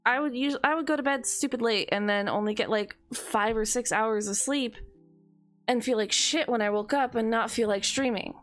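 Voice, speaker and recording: A woman's voice: on the high side, moderate pace, a bit bright, soft background music. A woman streamer chatting casually to her viewers, rambling with frequent laughs and a tired edge.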